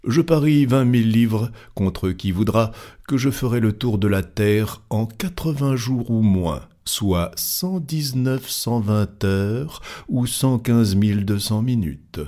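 A man reading an audiobook and voicing a cool, unflappable English gentleman who speaks tersely and calmly. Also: on the low side. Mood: unruffled. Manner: calm, terse, measured.

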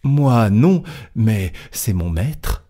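A man voicing a chatty, excitable young French manservant in an audiobook, talking eagerly and fast. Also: lowish voice, heavily acted. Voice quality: eager, quick, talkative. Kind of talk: audiobook character voice.

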